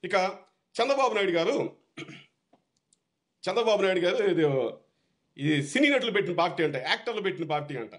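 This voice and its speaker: A man's voice: sits high, animated, fast, pauses often. A man, a party activist, delivering an angry, repetitive political rant.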